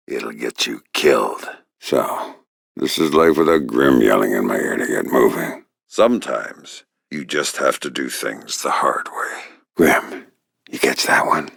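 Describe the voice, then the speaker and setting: His voice is extremely low and gravelly, frequently sinking into a breathy growl. This gruff, menacing, wry covert operative from a video game is middle-aged and delivers clipped, deadpan, sardonic lines in an exaggerated voice, captured in a dry, close recording.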